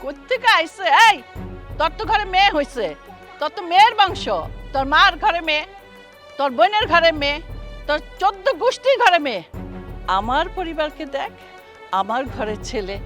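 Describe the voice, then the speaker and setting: A woman's voice: very high voice, big pitch swings, moderate pace, fairly bright tone, faint music behind, full character voice. An actress playing a domineering older mother-in-law who scolds in coarse, rustic speech. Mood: scornful.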